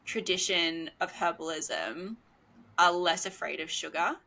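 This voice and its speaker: A woman's voice: lowish voice, steady tone, measured pace, gravelly, sharp tone, rough recording. A woman hosting a podcast interview, chatting enthusiastically with plenty of fillers. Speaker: podcast host. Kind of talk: casual interview chat.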